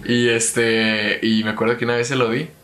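A young man with a Mexican accent, chatting casually in a slangy, relaxed way. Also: medium pitch, moderate pace. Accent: Mexican Spanish. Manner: slangy and relaxed, peppers talk with "güey". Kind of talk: casual chat. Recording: echoey room.

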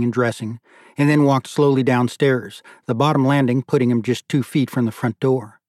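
Reading a literary novel in scripted audiobook style, a man speaks with a middling pitch and a slightly mellow tone. The recording is dry, with no room sound or echo.

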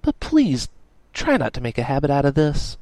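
A man voicing a blunt, tough teenage girl mechanic who talks in a gruff, dismissive way. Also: medium pitch, huge pitch swings, normal speed, darkish tone, dry recording, pitched above the performer's own voice. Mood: grudging.

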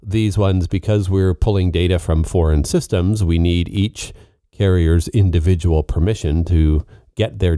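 A man with a very low, mellow voice talks in a casual podcast, laying out technical ideas plainly and patiently. The sound is dry and close. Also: no room sound. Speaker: co-host.

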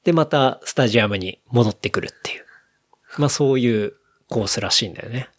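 A man's voice: mid-range voice, brisk. A young man casually explaining a news story to a friend, with many fillers. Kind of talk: casual chat.

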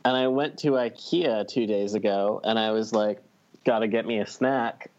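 A podcast co-host chats casually with friends in a slangy, wry way. His voice is fairly low and darkish, and he talks at normal speed. The lo-fi microphone makes the sound slightly dull.

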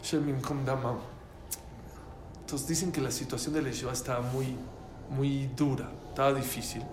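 A man's voice: mid-range voice, normal speed, reverberant, background noise. A man with a Mexican Spanish accent teaching a religious class, telling stories and quizzing his listeners. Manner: animated, quizzes the audience.

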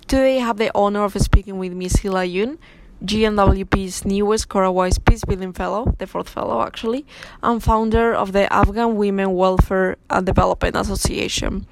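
A young woman intern introducing a guest and asking questions in a friendly, clear reading. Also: medium pitch, steady tone, normal speed, a little hiss or hum, low-quality recording. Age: young adult.

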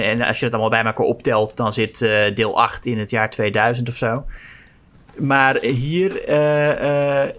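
A man's voice: mid-range voice, a bit bright. A man co-hosting a podcast, discussing horror films casually with hesitations, repeated words and frequent laughs.

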